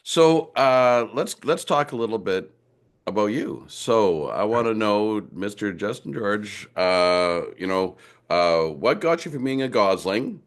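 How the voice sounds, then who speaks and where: A podcast host asks questions in a casual interview chat, rambling enthusiastically with playful turns of phrase. His voice is lowish and expressive, at a measured pace.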